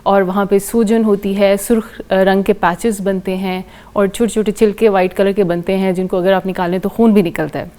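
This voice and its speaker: A woman's voice: medium pitch, fairly even intonation, few pauses, warm tone. A woman with a Pakistani accent, a dermatologist guest on a TV show, explaining patiently with simple everyday comparisons. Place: TV studio.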